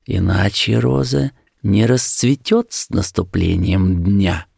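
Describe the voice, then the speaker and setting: A man's voice: deep voice, takes it slowly, gravelly, a little mellow, husky, no room sound, studio quality, full character voice. A man voicing a demanding rose bush in a storybook, urging the listener insistently.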